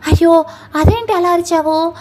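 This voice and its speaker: A woman's voice: very high-pitched, normal speed, darkish tone. A woman voicing a talkative older man on a trip who keeps teasing and making puns. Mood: chatty. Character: chatty older man, a jokey uncle on a trip.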